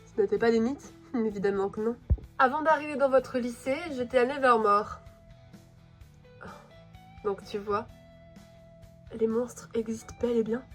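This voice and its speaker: Give me a deadpan gothic teenage girl, dry and teasing, as a woman voices her, with a flat, ironic delivery and a fairly high voice for a fan-made voice drama. Soft music sits faintly behind her. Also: unhurried, long pauses.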